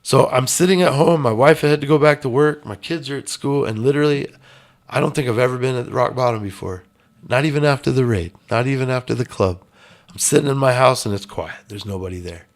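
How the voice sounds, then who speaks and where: A man telling his life story in an earnest, intense way, dropping quiet and then rising loud. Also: mid-range voice. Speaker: interview guest. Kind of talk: emotional storytelling.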